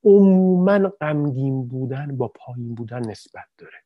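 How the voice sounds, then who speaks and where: A man giving an animated explanatory talk, addressing his listeners directly, with frequent fillers and self-corrections. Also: mid-range voice, no room sound, phone-quality sound. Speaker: lecturer. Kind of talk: explanatory talk on language and emotion.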